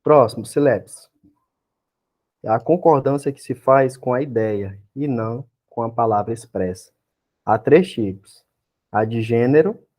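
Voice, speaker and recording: A Brazilian man gives an exam-prep lecture in a mellow, warm voice at a middle pitch. He works through each point patiently and keeps asking his class questions to check that they are following. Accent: Brazilian Portuguese. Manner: explains step by step, constantly checks in with tag questions and rhetorical questions. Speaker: teacher.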